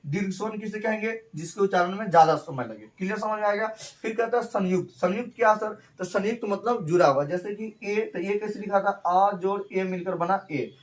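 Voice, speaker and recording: Guy teaching grammar class, kinda high voice, repeats stuff slow, asks himself questions. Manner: repeats phrases slowly, asks and answers his own questions. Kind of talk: grammar lesson.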